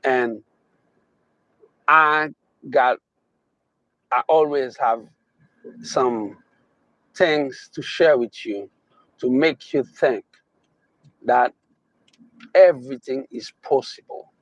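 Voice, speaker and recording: A man from Haiti delivers a motivational speech in a Haitian accent, his mid-range voice fairly bright. He is emphatic, fond of repeating his key phrases, and lingers slowly on stressed words. No echo is present, though the recording quality is low.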